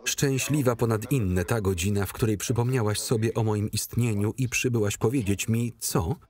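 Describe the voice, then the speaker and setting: A man dubbing a proud, eloquent male poet-soldier in a measured, theatrical way. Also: on the low side, a little mellow, natural voice. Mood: tender. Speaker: dub actor. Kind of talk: film dubbing.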